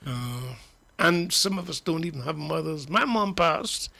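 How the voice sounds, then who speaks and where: A man hosting a radio talk show, speaking in a reflective, measured way. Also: on the high side, lively intonation, gravelly, pushed and bright.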